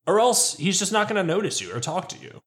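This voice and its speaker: A man chatting casually about a reality show, animated and quick to mimic people he quotes. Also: high-pitched. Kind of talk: casual chat.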